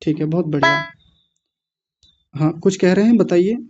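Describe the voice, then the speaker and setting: With a slightly high, animated voice at normal speed, a man teaches pronunciation online, breaking words into syllables and patiently correcting students. Music plays in the background, and his microphone sounds slightly muffled.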